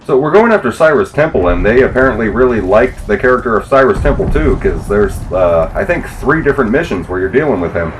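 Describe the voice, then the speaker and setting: A man's voice: medium pitch, animated, fast talker, hardly any pauses, slight background noise, low-quality recording. A man giving casual walkthrough commentary as he plays a video game. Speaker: gameplay commentator. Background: quiet video game sounds.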